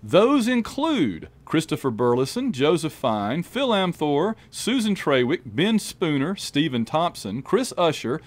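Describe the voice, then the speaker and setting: Guy reading off a big list of patron names, upbeat and bouncy, kinda high voice. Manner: brisk, lively list reading. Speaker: podcast host reading patron thanks. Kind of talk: scripted read of patron names.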